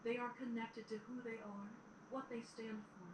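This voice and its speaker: A woman voicing a regal, motherly pony princess who mentors in a measured, formal way in an audio drama. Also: fairly high pitch, flat delivery, close to an everyday voice. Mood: instructive. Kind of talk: fan audio drama acting. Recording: roomy, distant, noisy playback of audio drama.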